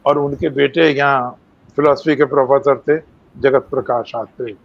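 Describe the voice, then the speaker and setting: A man's voice: mid-range voice, fairly even intonation, normal speed, creaky, highs cut off. An older man giving a devotional lecture, telling stories and acting out the voices of sages and animals. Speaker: main speaker.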